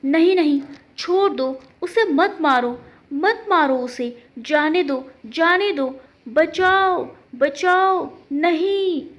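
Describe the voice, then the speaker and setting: A woman's voice: high voice, sing-song, unhurried, a bit bright, dull audio, heavily acted. A woman voicing a young village girl who is playful and childlike, hiding her grief. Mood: terrified. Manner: childlike, pouting.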